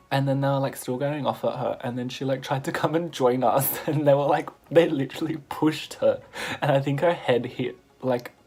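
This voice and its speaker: A man telling a story in a casual vlog, animated and laughing, swearing freely as he goes. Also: medium pitch. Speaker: vlogger.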